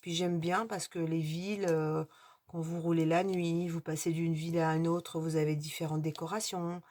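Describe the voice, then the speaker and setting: A woman's voice: low voice, level tone, moderate pace, darkish tone. A middle-aged woman vlogging casually to her viewers, hesitant, with many fillers and restarts. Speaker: YouTuber answering a tag.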